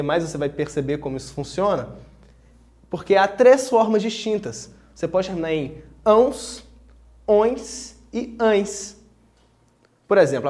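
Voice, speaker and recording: A man teaching a grammar lesson, speaking clearly and spelling out each example slowly. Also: on the high side, a little mellow. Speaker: Portuguese teacher.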